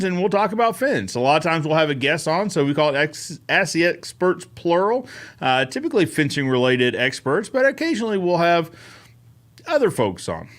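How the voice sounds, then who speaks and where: An upbeat man hosts a casual live-stream Q&A, chatting easily and greeting viewers by name. His voice sits a little higher than most men's, and he keeps a friendly, talkative flow going. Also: fairly bright tone. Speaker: host of a live Q&A show.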